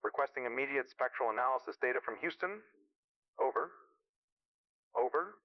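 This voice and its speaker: A man's voice: medium pitch, expressive, normal speed. A man voicing an astronaut commander in a lunar cave. He delivers terse, procedural reports over a muffled space radio link and ends each one with "over.". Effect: muffled space radio transmission. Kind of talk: clipped radio-play dialogue.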